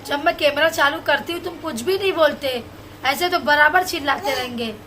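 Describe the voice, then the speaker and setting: A woman's voice: high voice, moderate pace, bright, forceful tone, slight background noise. A young woman vlogging at home with a phone, coaxing her baby in affectionate, sing-song baby talk. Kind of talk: casual family vlog, talking to a baby. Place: home, indoors.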